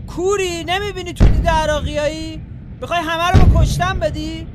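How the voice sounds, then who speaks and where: A man's voice: sits high, very noisy, close to an everyday voice. An actor playing a young male frontline soldier who is grieving and hot-tempered, with a blunt and scolding manner, in a radio drama. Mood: angry. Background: music.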